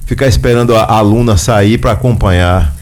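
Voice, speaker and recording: A man's voice: on the low side, fairly quick, darkish tone. A man hosting a radio talk show, chatty and folksy, often tagging his sentences with a questioning "né". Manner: chatty and folksy, tags lines with "né?". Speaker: radio host.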